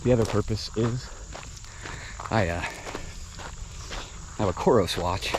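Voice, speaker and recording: A man's voice: on the low side, slow. Winded man vlogging on a run. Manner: chatty, casual, with fillers. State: out of breath. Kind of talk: casual vlog while running. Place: outdoors at a flat park. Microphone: action camera. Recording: outdoor camera audio with insect noise.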